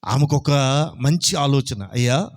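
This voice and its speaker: A male pastor delivers a Sunday sermon with emphatic force. His voice sits fairly high, and he keeps asking the congregation whether they are listening. He presses each point home. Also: animated, normal speed.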